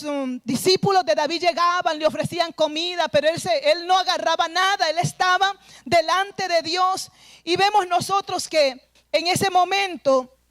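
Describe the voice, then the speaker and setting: A woman pastor preaches with a strikingly high voice, earnest and urging as she retells scripture to her church. Her voice sounds close and dry, with almost no room sound around it. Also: no room sound. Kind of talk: sermon. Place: church service.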